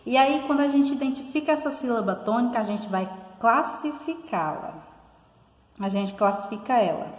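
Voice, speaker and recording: A woman teacher giving a recorded online lesson, slowing down and stressing the example words as she calls them out. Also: fairly high pitch. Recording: echoey room with long reverb.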